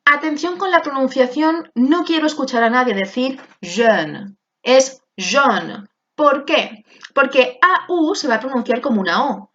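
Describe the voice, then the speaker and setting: A woman teaching a class, explaining pronunciation slowly and repeating each word carefully. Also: sits high, fairly bright tone, lo-fi sound. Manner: slow, deliberate, repeats words for pronunciation. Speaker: French teacher.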